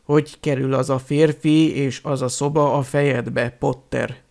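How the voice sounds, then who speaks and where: A man voicing a cold, sneering male potions teacher in an audiobook, speaking slowly in a hushed, menacing tone. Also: mid-range voice, fairly even intonation, creaky, natural voice. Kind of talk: audiobook character reading.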